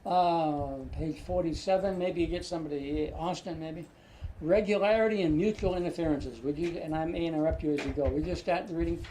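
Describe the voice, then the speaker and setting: An older man teaches a class, walking through pronunciation step by step and frequently checking with "right?" His high-ish, dark-toned voice is fairly even, a little fast with hardly any pauses, recorded in an echoey room with a distant mic and faint noise.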